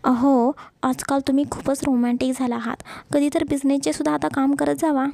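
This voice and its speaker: A woman voicing a shy young wife who gently scolds her husband in a romance story. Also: high voice, flat delivery, fairly quick, gravelly, no echo. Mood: scolding. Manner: coaxing, mildly scolding.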